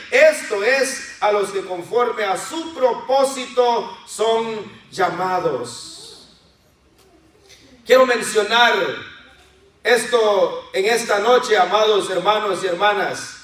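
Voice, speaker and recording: A man preaches to his congregation in a high voice and keeps turning to them with questions. He is heard from a distance, and his words ring out in a very echoey hall. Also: fairly bright tone. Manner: addresses the congregation as brothers and sisters, with questions to the listeners; acts out voices of children and believers in quotes. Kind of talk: sermon.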